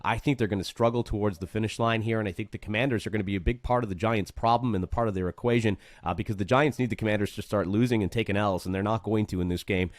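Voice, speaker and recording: A man's voice: on the low side, steady tone, quick pace, hardly any pauses, dry recording, clean studio sound. A man hosting a sports betting chat, emphatic, asking rhetorical questions and repeating points for effect. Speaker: sports betting show host. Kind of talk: casual betting-picks chat.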